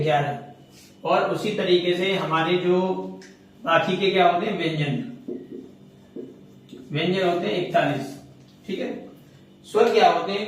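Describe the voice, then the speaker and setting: A man teaching grammar in a classroom, with a fairly high voice. He puts questions to the students and answers them himself, and he repeats each key term. The sound is very echoey and he stands well away from the microphone. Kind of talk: classroom lecture. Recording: echoey room, mic far off.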